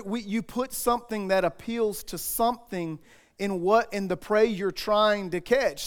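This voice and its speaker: A man's voice: high-pitched, clear, resonant tone. A male pastor preaching a sermon in a conversational, joking way with asides to the congregation.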